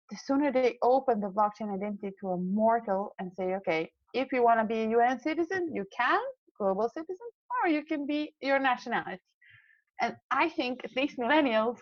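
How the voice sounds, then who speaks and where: Young woman guest from Serbia, idealistic, halting with fillers; muffled, dry audio. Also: a little high, no echo. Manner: earnest, idealistic, frequent fillers and restarts. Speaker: guest, climate scientist. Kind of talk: casual interview talk.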